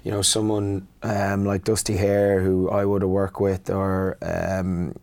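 A man talks through sport as a pundit in a casual, halting way. His voice sits on the low side and stays very even, with words often repeated as he thinks. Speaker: rugby pundit, former player or coach.

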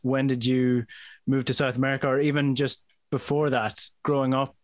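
A man's voice: medium pitch, flat delivery, moderate pace. A man hosts a podcast in a chatty, conversational way, often stacking several questions together. His voice sits in a mid range. The sound is dry, with no room echo. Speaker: podcast host. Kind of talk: interview podcast hosting.

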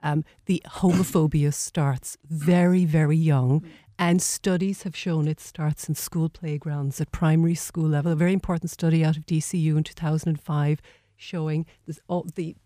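A woman's voice: sits low, steady tone, normal speed, warm tone, no echo, studio quality. A woman speaking as a panel guest, explaining her points earnestly and articulately. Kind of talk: conversational panel discussion.

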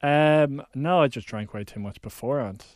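A man's voice: mid-range voice, moderate pace, a little mellow, no room sound, clean studio sound. A young man with a west of Ireland accent, bantering casually as co-host of a radio podcast. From County Mayo, west of Ireland.

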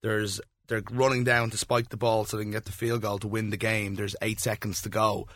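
A man's voice: lowish voice, little pitch movement, fairly quick, a bit bright, no room sound, clean studio sound. A man co-hosting a casual sports podcast, rambling and often laughing at himself. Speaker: podcast co-host.

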